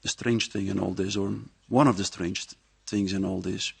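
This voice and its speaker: Low, gravelly male professor lecturing in a measured, reflective way at a live event, dry close sound. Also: steady tone, dry recording. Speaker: university professor giving a talk. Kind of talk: public speech at a presentation. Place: live event before an audience.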